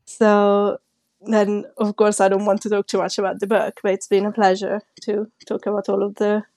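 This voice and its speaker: A woman's voice: mid-range voice, completely flat delivery, normal speed, darkish tone, dry recording. A woman hosting a casual podcast interview in a girlish anime-girl voice. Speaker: podcast host.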